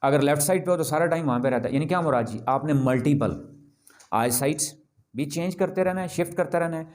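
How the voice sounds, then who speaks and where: A man giving a classroom lecture as a presentation skills trainer, emphatic and lively, mixing English phrases into his talk and often checking whether students follow. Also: a little high, a little fast. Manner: mixes English phrases into Hindi-Urdu.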